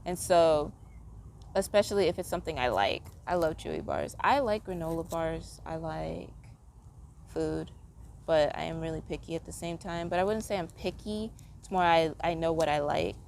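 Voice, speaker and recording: Tired woman rambling, low voice. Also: normal speed, vocal fry, a little mellow, a little hiss or hum. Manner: meandering, heavy use of "like" fillers. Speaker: vlogger. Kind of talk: casual rambling monologue.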